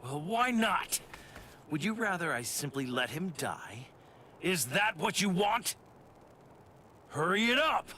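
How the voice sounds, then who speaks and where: Grimmjow, a snarling brawler. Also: male voice, a little high, very animated, unhurried, bright, forceful tone, slight background noise, heavily acted. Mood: cocky. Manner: snarling, cocky, bossy. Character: brash, violent young male warrior spirit. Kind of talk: game cutscene voice acting.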